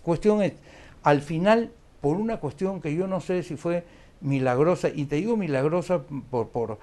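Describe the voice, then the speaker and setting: A man with a slightly raised pitch recounts old events in an animated way. He often breaks off and restarts his sentences as a talk-show guest. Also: normal speed. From Peru. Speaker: lawyer guest. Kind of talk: conversational storytelling interview. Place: studio of a live-streamed talk show.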